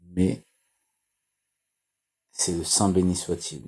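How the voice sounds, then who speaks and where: A man reading and explaining Torah commentary in a slow, halting way, with restarts and repeated phrases. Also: sits low, little pitch movement, darkish tone, husky. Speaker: Torah teacher.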